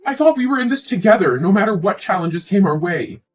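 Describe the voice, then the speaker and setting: Over soft background music, a medium-pitched woman talks in an animated, slightly fast, slightly mellow way that sounds close to everyday speech. Playing a pregnant girlfriend in her twenties, she's hurt and pleading, reproaching her partner in this scripted drama.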